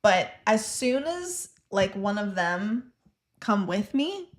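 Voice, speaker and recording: A woman's voice: mid-range voice, sing-song, slow pace, a little hiss or hum. A woman in her twenties co-hosting a podcast, rambling and trailing off mid-thought in casual chat. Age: 20s. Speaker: podcast co-host.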